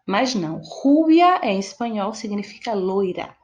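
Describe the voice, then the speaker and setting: A woman's voice: mid-range voice, expressive, a little slow, a little mellow, highs cut off. A woman with a Brazilian Portuguese accent teaching a Spanish vocabulary lesson, explaining patiently and checking in with her listeners. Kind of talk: online lesson.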